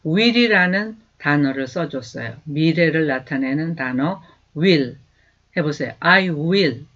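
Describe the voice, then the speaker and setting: Man, language teacher, patient, repeats drills, slightly raised pitch, muffled lo-fi sound. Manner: encouraging. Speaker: English teacher. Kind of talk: beginner language lesson. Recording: dull lo-fi recording.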